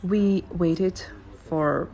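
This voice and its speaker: A young woman with a Serbian accent and non-native phrasing narrates her photo shoot as a vlogger, chatty and laughing often. Her voice is fairly low and creaky, and she speaks very slowly. Crowd noise surrounds her.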